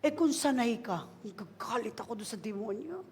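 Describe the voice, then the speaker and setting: Filipino woman preacher, high voice, shouts commands then drops to asides, long hall reverb. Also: lively intonation, moderate pace, a little hiss or hum. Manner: switches between quiet asides and loud shouted commands. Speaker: pastor. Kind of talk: animated Taglish sermon. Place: large church hall.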